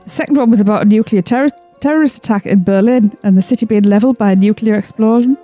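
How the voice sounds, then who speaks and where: A woman playing an anxious young wife, speaking quickly and worriedly. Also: medium pitch, warm tone, soft background music, close to an everyday voice. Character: anxious young wife who fears her writing.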